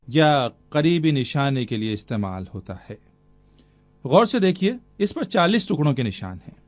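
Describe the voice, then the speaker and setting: Calm squad leader, played by a man, patient explaining, slightly high lively pitch, dry sound. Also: no echo. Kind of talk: Urdu dub acting.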